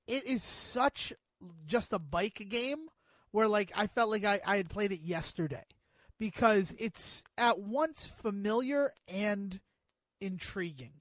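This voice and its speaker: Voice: mid-range voice, lively intonation, slow, fairly bright tone, no room sound. A podcast co-host chatting about a board game, enthusiastic and rambling while searching for the right words. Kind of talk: board game review chat.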